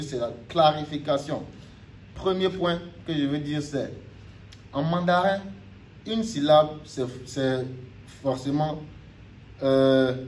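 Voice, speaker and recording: A man's voice: fairly high pitch, distant mic. A man giving a casual video lesson as a Mandarin teacher, chatty and checking in with "ok?" after nearly every point. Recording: faint background noise, a bit off-mic.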